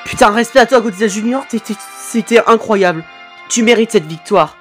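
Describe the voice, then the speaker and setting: A woman hosting a reaction video, excitedly cheering, swearing at the screen and turning hushed when moved. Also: medium pitch, normal speed, soft background music. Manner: turns hushed and emotional at sad moments. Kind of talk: live reaction commentary.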